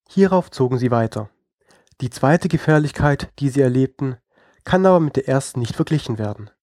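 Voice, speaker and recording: A man reading a fairy tale aloud in a calm, even storytelling manner. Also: medium pitch, no room sound, studio quality. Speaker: narrator.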